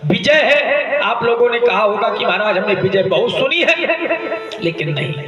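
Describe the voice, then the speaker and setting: A male stage actor playing a grieving, proud king and father in a devotional Ramlila drama, declaiming theatrically with drawn-out, hammy delivery. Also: sits high, animated, lo-fi sound. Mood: insistent, reproachful. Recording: echoey stage PA with loud music. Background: loud musical accompaniment.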